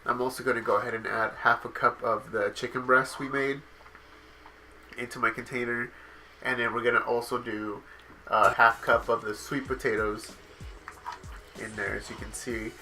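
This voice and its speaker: A young vlogger with a Southern California accent, nasal from a cold, rambles through a casual voice-over, correcting himself often and using many fillers. His mid-range voice barely moves in pitch and sounds pushed and bright, with normal speed, long pauses, and faint music behind.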